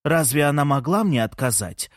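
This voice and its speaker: A man's voice: fairly high pitch, lively intonation, normal speed, no echo, studio quality, pitched above the performer's own voice, natural voice. A man voicing a gushing, theatrical old grandma. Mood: chatty. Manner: gushing, teasing, fussy. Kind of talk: audiobook character reading.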